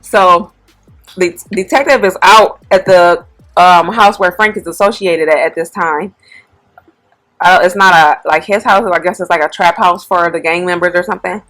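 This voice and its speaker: A woman hosts an eat-with-me video, retelling a story in casual, slangy talk full of "like" and "um." Her voice sits a little low for a woman. Soft music plays faintly in the background. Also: moderate pace. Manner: relaxed, slangy retelling with frequent fillers. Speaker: mukbang channel host. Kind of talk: casual storytime while eating.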